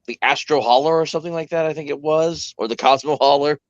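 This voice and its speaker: A man's voice: fairly high pitch, quick pace, no echo, dull audio. A man running a tabletop game on a live stream, talking casually and thinking aloud with hesitations. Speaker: game master.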